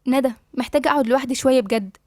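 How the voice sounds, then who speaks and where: A woman's voice: high-pitched, rapid-fire, darkish tone, dry recording, studio quality. A woman with an Egyptian accent voicing a tired, confused young pregnant woman in an audiobook. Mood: subdued. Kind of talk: audiobook dialogue reading.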